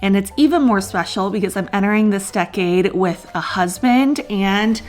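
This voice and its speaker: A woman's voice: medium pitch, moderate pace, a little mellow. Bubbly chatty woman around thirty. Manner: bubbly and chatty, often says "like". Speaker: lifestyle vlogger. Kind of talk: casual vlog chat to camera.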